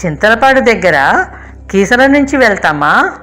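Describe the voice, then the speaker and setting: An older woman voicing a curious, playful little girl who talks high, eager and shrill. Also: very animated, measured pace, a bit bright, faint music behind, exaggerated voice. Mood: excited.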